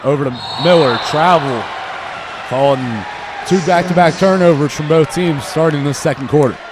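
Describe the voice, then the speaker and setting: Fairly high-pitched and moderately paced, a young adult American man narrates a basketball game live as a crowd roars behind him. He keeps to clipped phrases that chase the play, with ball bounces and gym noise all around.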